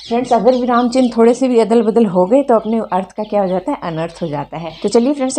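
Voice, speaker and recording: A woman's voice: fairly high pitch, warm tone. A woman teaching a grammar lesson for exam preparation. She asks the viewers questions and answers them herself, repeating the key points.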